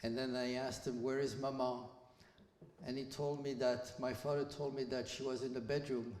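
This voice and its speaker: In an echoey school hall, a man of roughly 80 from Belgium gives students a personal testimony. His mid-range voice stays level and a little mellow as he recounts events plainly and deliberately, with small restarts along the way.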